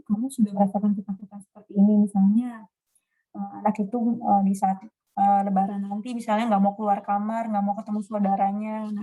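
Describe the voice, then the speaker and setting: A woman gives an informal lecture, talking through her slides at an easy pace. She pauses often with fillers and slips into short acted example questions as she goes. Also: medium pitch, phone-quality sound.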